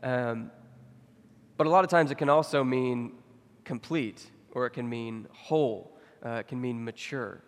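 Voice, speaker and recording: A young man giving a sermon as a pastor, talking casually with many fillers and getting animated when he tells stories. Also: mid-range voice, measured pace. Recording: long hall reverb.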